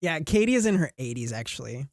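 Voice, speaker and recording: A woman's voice: extremely low pitch, big pitch swings, fast talker, darkish tone, dry recording, clean studio sound. A woman in her twenties co-hosting a podcast, chatting casually, giggling often and reassuring her co-host. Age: 20s. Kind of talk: casual chat.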